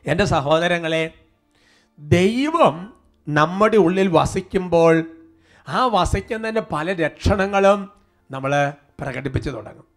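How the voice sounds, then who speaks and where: High-pitched male preacher with a sermon delivery and soft music in the background. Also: unhurried, pauses often. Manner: fervent prayer, then steady teaching. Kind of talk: sermon with prayer and worship.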